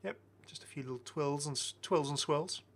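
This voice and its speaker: In a casual game skin showcase, a middle-aged gaming host offers excited, chatty commentary with plenty of repeated phrases. His voice is fairly high and moves at a moderate pace.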